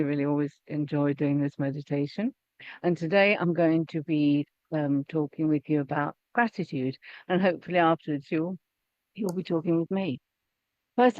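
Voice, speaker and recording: A woman leading a meditation and talking about gratitude in a gentle, unhurried way, often restarting her phrases. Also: lowish voice, no echo. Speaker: meditation teacher. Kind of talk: guided meditation and spiritual teaching. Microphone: video call. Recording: dull, dry video call audio.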